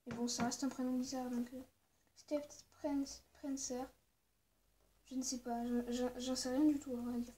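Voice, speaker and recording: Hesitant higher-voiced woman vlogging. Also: level tone, normal speed, mellow. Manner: hesitant, full of "euh" and "voilà" fillers. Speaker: vlogger showing her figurine collection. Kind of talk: casual show-and-tell vlog.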